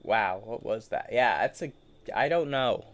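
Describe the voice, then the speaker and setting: A man's voice: medium pitch, lively intonation, a little slow. A man giving casual solo commentary while he plays a game, rambling to himself in a playful, easily amused way. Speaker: gaming streamer.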